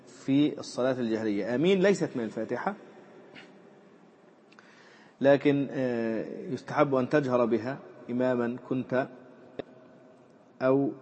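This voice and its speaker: A male teacher gives a lesson on Islamic jurisprudence, reading lines from a classical text and then explaining them with fillers and repetition. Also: dark tone. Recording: muffled low-fidelity recording with faint background noise.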